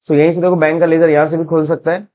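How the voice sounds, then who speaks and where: Indian guy teaching accounts software, hindi-english mix, slightly high voice, muffled lo-fi sound. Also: little pitch movement, quick pace. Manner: mixes Hindi and English, asks and answers his own questions. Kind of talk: screen-recorded classroom lesson.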